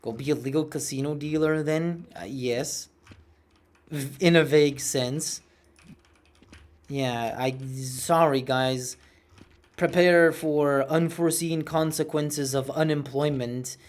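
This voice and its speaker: Talking slowly in a slightly high voice with fairly even intonation, a twenty-something man rambles through casual gameplay chat while streaming, putting on a cartoonish voice and poking fun at himself.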